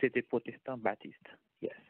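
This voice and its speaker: A man from Haiti, a guest telling his story in a measured, thoughtful way. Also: medium pitch, steady tone, no room sound. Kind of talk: interview over a call. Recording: tinny phone line, dry.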